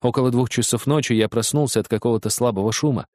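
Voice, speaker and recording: A man reading a story aloud in the first person, in measured storytelling narration. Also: medium pitch, a little mellow, dry recording, studio quality. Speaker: audiobook reader.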